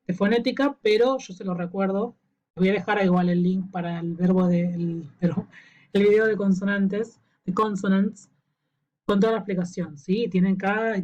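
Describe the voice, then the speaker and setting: A woman's voice: mid-range voice, darkish tone. Patient teacher woman, slightly dull sound. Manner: patient, checks in with frequent "¿sí?". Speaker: English pronunciation teacher. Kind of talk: explanatory lesson to camera.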